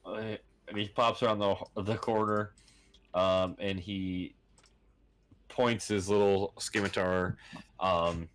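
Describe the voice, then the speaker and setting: Deep-voiced man running a tabletop game. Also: little pitch movement. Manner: halting, with many fillers and chuckles. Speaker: game master.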